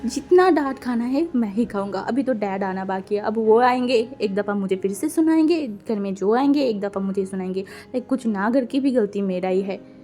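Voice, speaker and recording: A woman voicing a weary young sibling who is always blamed, speaking quietly and glumly, read from a fan fiction. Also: medium pitch, lively intonation, moderate pace, lightly acted. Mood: resigned. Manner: quiet, glum.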